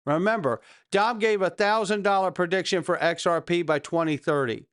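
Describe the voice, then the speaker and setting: Smooth, higher-pitched man with crypto bro hype. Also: normal speed, fairly bright tone, no echo, clean studio sound. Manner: emphatic, rhetorical questions to the audience. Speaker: host of a cryptocurrency news show. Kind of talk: hype-driven market commentary to viewers.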